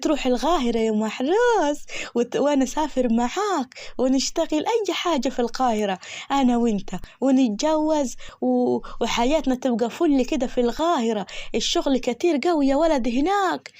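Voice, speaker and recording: A woman's voice: high-pitched, lively intonation, a little fast, darkish tone, dry recording. A woman with an Egyptian accent voicing a naive, lovestruck village girl who pleads and whines. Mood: pleading. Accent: Egyptian Arabic.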